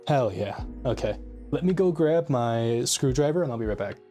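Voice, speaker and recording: A man's voice: mid-range voice, animated, normal speed, warm tone, faint music behind. A young man on his first live stream, chatting casually and a bit scattered as he fiddles with his audio settings and starts a PC build at his desk. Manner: scattered and self-deprecating, thinking aloud. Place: home desk setup. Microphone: desk mic with live compressor tweaks.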